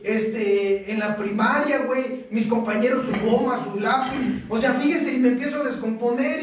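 A young Mexican man giving a raw, slangy, profane and emotional personal testimony at a recovery meeting. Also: extremely high pitch. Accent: Mexican Spanish. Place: meeting hall. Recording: echoey room, distant mic.

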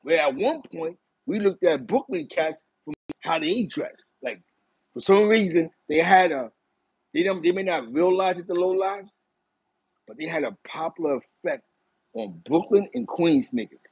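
A middle-aged man from East Harlem with a New York accent, telling stories in a casual chat from a small room, animated and talking with his hands. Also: on the high side, normal speed, husky, dry recording, dull audio. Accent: New York City. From East Harlem, New York City. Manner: animated, gestures a lot while reminiscing. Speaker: host. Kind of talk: casual storytelling to a live chat. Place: small bright room indoors.

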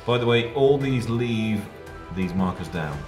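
A man's voice: lowish voice, lively intonation, measured pace. A man explaining game rules in casual chat, hesitant with many fillers. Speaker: tabletop wargame opponent. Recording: echoey room with loud music. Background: background music.

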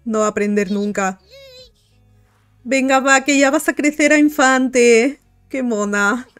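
A woman's voice: high-pitched, a little slow, fairly bright tone. Woman chatting cheerfully over a life-sim game. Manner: chatty, coos and talks to the game characters. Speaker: gaming video host. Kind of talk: casual gameplay commentary. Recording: light music behind.

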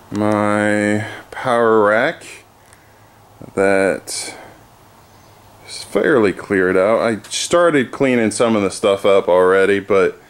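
A man in his thirties, a fitness vlogger, chats casually for a vlog, relaxed and rambling with fillers. His voice is fairly low-pitched with a clean tone. It's filmed on a handheld camera held at arm's length, first outdoors by his house and then in his garage.

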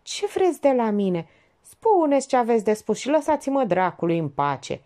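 Woman narrator voicing a fed-up man, curt, mellow tone, audiobook. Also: on the high side, big pitch swings, pitched above the performer's own voice. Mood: exasperated. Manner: curt, exasperated. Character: weary, irritated engineer, a grown man.

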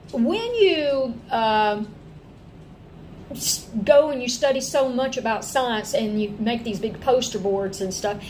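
Higher-pitched Appalachian woman, folksy and expressive. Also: slight background noise, poor audio. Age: middle-aged. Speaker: homeschooling parent and vlog host. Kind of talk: casual chat to camera. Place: indoor room at home.

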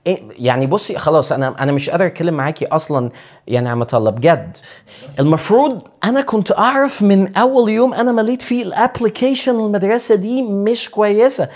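Man doing a posh Egyptian mom, high, snooty, scolds fast and tosses in English words. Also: a little mellow, natural voice. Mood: indignant. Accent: Egyptian Arabic. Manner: haughty, mixes English into Arabic, scolding. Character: snobbish upper-class Egyptian mother, woman.

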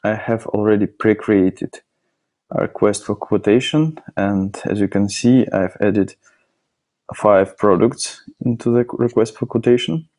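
Low-voiced man demonstrating software. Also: fairly even intonation, a little slow. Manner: plain step-by-step explaining with hesitant fillers. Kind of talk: screencast product demo narration.

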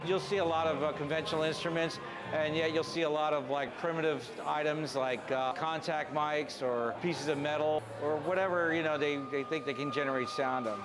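A middle-aged man, a festival organizer, talking in a casual interview in a bar, halting with fillers. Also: a little high, fairly even intonation, rough recording. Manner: laid-back, halting with fillers. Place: indoors in a bar.

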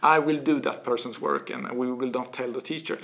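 Here the Swedish-accented guest author, a man in his forties, has a creaky mid-range voice and talks fairly quickly. In this casual interview he gets animated, gestures a lot, and restarts words as he thinks. A desk mic in a small office studio captures him.

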